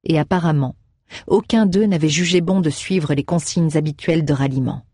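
A man reading a fantasy novel aloud in steady, measured narration. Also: a little high, husky, dry recording, clean studio sound. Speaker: audiobook narrator. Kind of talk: audiobook narration.

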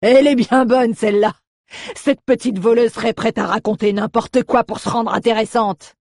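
A woman's voice: mid-range voice, steady tone, moderate pace, dry recording, clean studio sound, voice pushed up, close to an everyday voice. A woman voicing a burly male butcher who mocks and bullies a girl, in a sneering way. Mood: mocking. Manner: sneering, mocking. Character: fat burly male butcher, mocking bully.

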